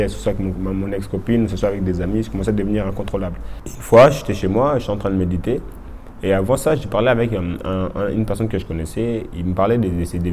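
Young man, testimony, low-pitched, rapid and informal, restarting sentences often. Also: mellow, a little hiss or hum. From Congo. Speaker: person giving a testimony. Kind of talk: personal testimony.

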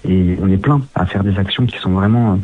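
Fast-talking man over a phone line. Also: low-pitched, breathy edge. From France. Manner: fast, earnest, many restarts. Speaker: guest, social media activist. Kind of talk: interview answers.

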